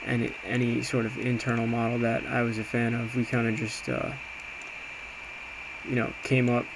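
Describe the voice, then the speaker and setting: This clip features a man with a mid-range voice and moderate pace, casually walking through a screen. As an amateur day trader, he offers an informal, hesitant recap of his trades, reflecting on his own choices. The sound is clear despite steady background noise.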